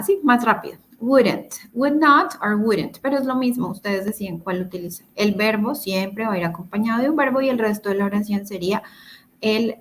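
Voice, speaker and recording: A woman's voice: medium pitch, a little hiss or hum, poor audio. A woman teaching English grammar in a recorded video-call lesson, explaining step by step, repeating words and checking in with her students.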